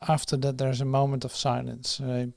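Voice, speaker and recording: A man guiding a meditation and slowly reading a prayer, soft and unhurried, with pauses and fillers. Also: medium pitch, monotone, gravelly, dry recording, clean studio sound. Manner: reads the prayer slowly and firmly. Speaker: meditation guide. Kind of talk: guided meditation.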